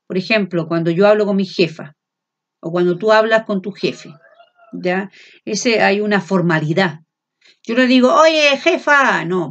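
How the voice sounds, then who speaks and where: Chilean woman teacher lecturing loudly without shouting, full of filler sounds and quick checks, on a dull lo-fi recording. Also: mid-range voice. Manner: speaks loud without shouting. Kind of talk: classroom lecture.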